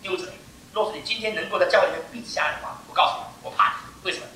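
An older man preaching a sermon to his church, emphatic and animated, pressing each point home with "I tell you.". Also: high voice, very fast, a little hiss or hum. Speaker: pastor. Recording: echoey hall, mic far off.

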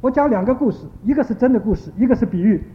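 A man's voice: very high-pitched, racing. A man preaching a sermon, telling stories and acting out the people in them. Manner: storytelling, animated quoting of characters. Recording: dull lo-fi recording.

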